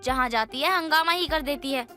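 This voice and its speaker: A woman's voice: high-pitched, normal speed, pushed and bright, soft background music. Stern scolding mother-in-law. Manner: scolding, firm. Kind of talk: animated cartoon voice acting.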